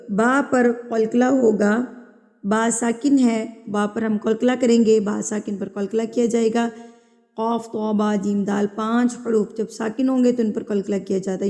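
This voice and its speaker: A woman teaching a tajweed lesson, slowly reciting verses and patiently repeating sounds to correct common mistakes. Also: on the high side, a little mellow, big-room sound.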